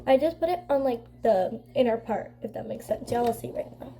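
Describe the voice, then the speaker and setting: Young woman beauty vlogger, high mellow voice, nasal from a cold, loose rambling chat. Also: brisk, slight background noise. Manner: rambling, filler-heavy, says "like" constantly. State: congested from a cold. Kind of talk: casual chatty makeup vlog.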